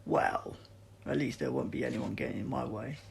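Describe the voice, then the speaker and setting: A man voices a cheeky, brisk doctor who travels in space, firing pointed questions in a creaky storybook voice. Faint noise sits behind it. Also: mid-range voice. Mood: incredulous, pointed. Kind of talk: audiobook character dialogue.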